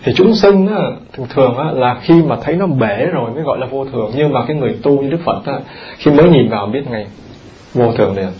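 A man, a Buddhist monk, giving an animated dharma talk in a temple hall, often turning to the audience with questions. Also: mid-range voice, fast talker, highs cut off, a crowd in the background.

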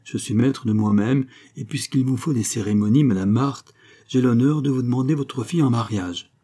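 A man's voice: medium pitch, normal speed, warm tone, lightly acted. A man voicing an impetuous, sulky young nobleman who exclaims petulantly, read in an audiobook. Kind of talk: audiobook character reading.

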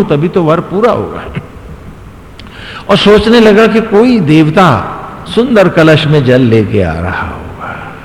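Dramatic preacher in an echoey hall. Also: male voice, medium pitch. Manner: dramatic, rising and falling delivery. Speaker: swami, spiritual preacher. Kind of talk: devotional sermon storytelling. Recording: echoey hall, faint background noise.

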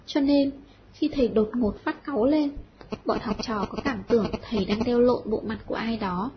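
A woman narrating an audiobook in an expressive storytelling style. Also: fairly high pitch, moderate pace. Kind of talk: scripted narration. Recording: dull lo-fi audio with faint noise.

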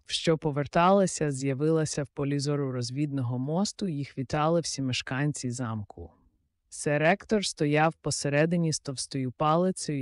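A man with a fairly high voice narrates a storybook in a lively, expressive way. The sound is close and dry, with no room around it. He carries the tale along warmly paced and clear. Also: no room sound. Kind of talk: audiobook narration.

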